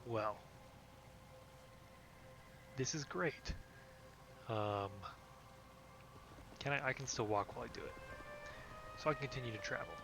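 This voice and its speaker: Over background game music, a gamer gives laid-back commentary, cracking jokes, cursing and reading out the quest text. He talks a little slowly in a creaky, medium-pitched voice, leaving long pauses.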